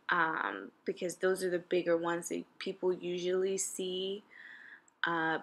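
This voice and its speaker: Young woman chatting, creaky voice. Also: on the low side, bright, forceful tone. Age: young adult. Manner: informal, conversational, thinking aloud. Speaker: vlogger and pageant contestant. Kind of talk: casual chat answering viewer questions to camera. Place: small indoor room at home with brick wall.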